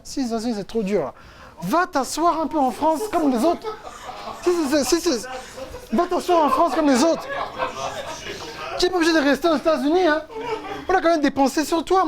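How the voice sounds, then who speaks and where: A woman's voice: fairly quick, long pauses, crowd noise, natural voice. A man putting on his older mother's voice, scolding and pleading with her son to come home. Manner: high, insistent scolding, repeating herself.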